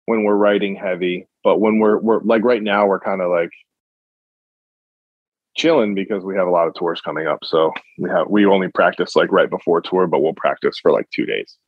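A man's voice: deep voice, normal speed, dry recording. A man in his twenties from Massachusetts talks casually as a band guest over an old flip phone line, stumbling and restarting his words often. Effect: talking over an old flip phone line. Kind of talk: casual interview chat. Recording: muffled lo-fi flip phone call.

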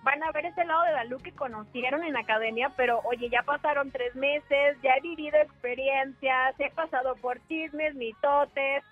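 A singer from Sinaloa with a Sinaloan Mexican accent, talking from home as a guest, blunt and quick to laugh. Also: female voice, high voice, steady tone, phone-quality sound, soft background music.

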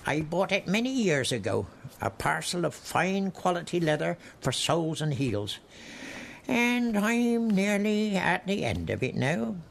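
A man playing a gravelly old chuckling cobbler. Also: high-pitched, sing-song, a little slow, a little hiss or hum, full character voice. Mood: wistful. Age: older. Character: very old lonely widowed male cobbler, gentle. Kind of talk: radio drama acting. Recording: music playing under voice.

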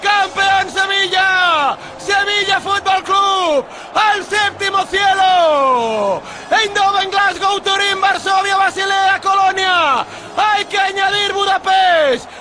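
A male football commentator giving ecstatic victory commentary in drawn-out proclamations. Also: extremely high pitch, fairly even intonation. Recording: stadium broadcast, loud crowd behind.

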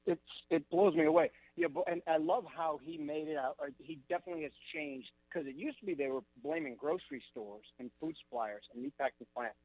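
Brief: man guest analyst, fast exasperated talk, tinny phone-like remote line. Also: a little high, no room sound. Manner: exasperated, animated. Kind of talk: remote TV interview.

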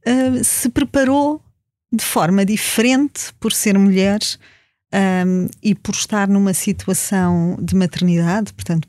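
A woman's voice: medium pitch, mellow, no echo. A woman hosting a podcast, asking questions carefully and courteously. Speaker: podcast host. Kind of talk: interview questions.

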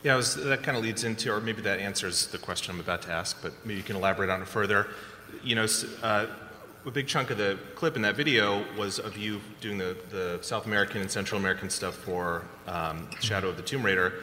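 A man with a low, bright, forward voice moderates a panel discussion. He asks curious, probing questions. The sound is roomy, with long hall reverb and a faint hum underneath. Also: fast talker.

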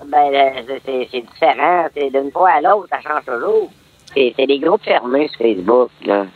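A man calling in on a narrow phone line with his voice sped up like a tape on fast forward. He has a Québécois accent and speaks haltingly, often repeating words. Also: mid-range voice. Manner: hesitant, stumbling, repeats words. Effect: sped-up voice disguise, like tape on fast forward. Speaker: anonymous radio caller. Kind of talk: casual confession on air.

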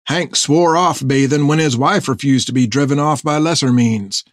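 A man voicing a gruff, folksy male ship's mate speaking in a rustic dialect. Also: mid-range voice, moderate pace, dry recording, studio quality, natural voice. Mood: teasing.

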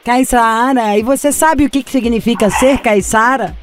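A woman's voice: on the high side, normal speed, faint music behind. A brash, blunt woman radio host with a Bahian accent, chatting in a casual, teasing, slangy way. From Minas Gerais, Brazil.

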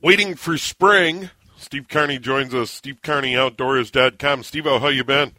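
A man's voice: mid-range voice, flat delivery, normal speed, pushed and bright, no room sound. A man hosting a sports radio show, chatting casually with a guest and often restarting his sentences. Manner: stammering restarts. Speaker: radio host.

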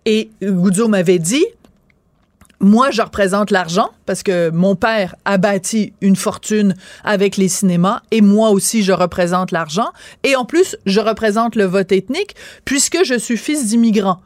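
A woman's voice: mid-range voice, measured pace, no echo. A woman with a Quebec French accent giving a radio column, explaining things in careful, detailed storytelling. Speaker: radio columnist and show host. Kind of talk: radio commentary.

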